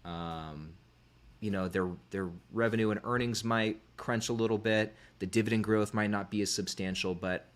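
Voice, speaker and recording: A man's voice: on the low side, fairly even intonation, normal speed. A man hosting a podcast in casual chat, easygoing and thinking aloud as he gives his opinions. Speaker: podcast host.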